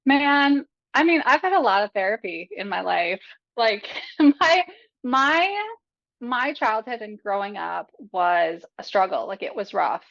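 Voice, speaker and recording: A young adult woman appears as a podcast guest, talking candidly and casually about her life, chatty, frank and profane, with lots of fillers. Her fairly high voice is expressive, a little slow, creaky and a bit bright, on dull lo-fi audio.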